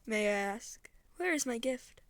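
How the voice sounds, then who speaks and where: A woman voicing a female eldritch deity who speaks slowly and calmly in a soothing but threatening, condescending way. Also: a little high, no echo. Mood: soothing menace. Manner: slow, calm, condescending.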